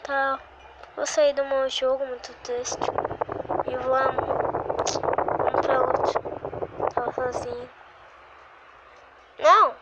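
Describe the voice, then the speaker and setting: A woman giving excitable, exclamatory live commentary while playing a game at home. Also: high-pitched, slow pace, pauses often, dull audio, heavy background noise. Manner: excitable and exclamatory, constant little sighs and cries. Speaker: gaming video creator.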